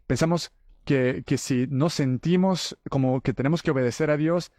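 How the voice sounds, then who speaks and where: Guy hosting a faith podcast, dark mellow voice, dry close sound, earnest and chatty. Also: on the high side, moderate pace, no echo. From El Salvador. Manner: earnest, conversational preaching. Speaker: podcast host.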